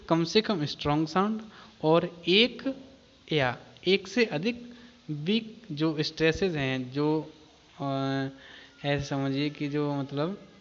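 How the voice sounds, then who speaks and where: Guy teaching a lesson, kinda high voice, muffled audio with a long echo, repeats stuff a lot. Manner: reads English definitions slowly, then explains in Hindi with repetition. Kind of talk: explanatory lecture.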